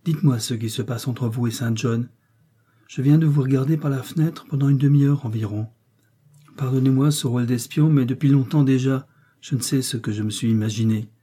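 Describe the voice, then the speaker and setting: A man voicing an earnest young woman, anxious and affectionate, who presses with urgent questions. The voice stays dark and husky, as in a storybook read aloud. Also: medium pitch, fairly quick, lightly acted. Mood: pleading. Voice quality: urgent, pleading.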